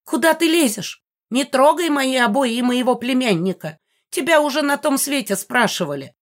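A woman's voice: high voice, expressive, normal speed, pitched above the performer's own voice. A woman reading an audiobook, voicing a spiteful old female ghost who screeches and cackles threats. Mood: screaming. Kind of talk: audiobook character voice.

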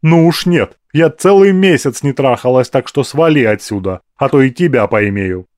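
A man voicing a fat, crude, lustful woman at a brothel, brash and demanding, and shrill when scared. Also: animated, moderate pace, a little mellow, no echo, clean studio sound, lightly acted.

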